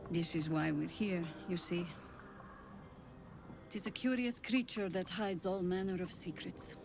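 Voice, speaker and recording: A gravelly-voiced fantasy game heroine. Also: female voice, on the low side, unhurried. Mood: calm. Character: adult woman companion in a fantasy game. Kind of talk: video game voice acting. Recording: game audio with music under it. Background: game music.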